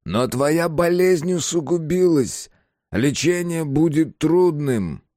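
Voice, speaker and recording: A raving old warden sermonizing about toil and cures, his voice pitched well above a normal man's and swinging wildly, as a man reads him. He is sanctimonious and shrill, an audiobook villain. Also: lively intonation, slow, warm tone, no echo, clean studio sound. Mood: gloating. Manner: preaching, sanctimonious, rising to shrieks. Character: fanatical old male prison warden, shrieking zealot. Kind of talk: audiobook reading.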